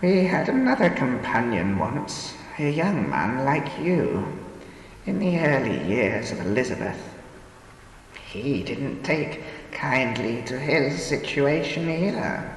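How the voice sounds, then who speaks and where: A man playing an ancient frail old woman, slow and quavering. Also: medium pitch, very animated, pitched above the performer's own voice. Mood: grave. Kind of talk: audiobook character reading. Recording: roomy echo, long reverb, faint hiss.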